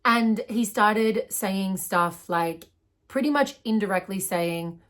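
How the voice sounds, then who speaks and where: A woman's voice: mid-range voice, slow, a bit bright. A young woman in her twenties with an Australian accent, telling a personal story in a casual, rambling way, full of "like" and "um". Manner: rambling, heavy use of "like" and "um".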